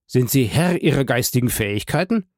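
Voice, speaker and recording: A man's voice: medium pitch, expressive, fairly quick, a little mellow, dry recording, clean studio sound, lightly acted. A man voicing a commanding male court president in an audiobook, formal and demanding. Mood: stern.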